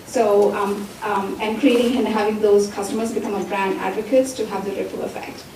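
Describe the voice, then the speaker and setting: A woman's voice: mid-range voice, little pitch movement, brisk, mellow, a little hiss or hum. A woman who founded a company, speaking hesitantly with many fillers on a discussion panel. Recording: echoey hall, distant mic.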